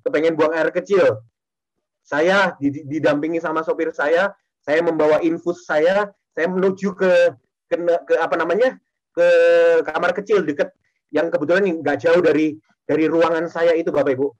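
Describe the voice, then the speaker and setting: High-voiced man preaching a personal testimony. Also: steady tone, moderate pace, muffled recording. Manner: repeats phrases and keeps addressing the congregation. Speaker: speaker giving testimony. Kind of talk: testimony sermon.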